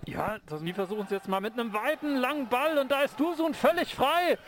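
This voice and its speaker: High-pitched male football play-by-play commentator. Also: fairly quick, a bit bright. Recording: faint outdoor stadium noise.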